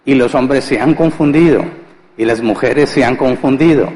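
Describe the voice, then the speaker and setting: A man preaches a Sunday sermon at a middle pitch. He keeps posing questions to the congregation and answering them himself. His voice carries a long reverb from a church hall. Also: darkish tone. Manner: conversational, asks rhetorical questions and answers them; acts out household scenes with humor. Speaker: pastor.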